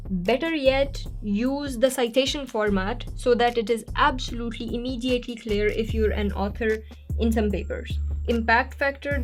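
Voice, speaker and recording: A woman reviewing application essays on her channel, blunt and direct, often repeating words to stress a point. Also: a little high. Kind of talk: on-screen critique walkthrough.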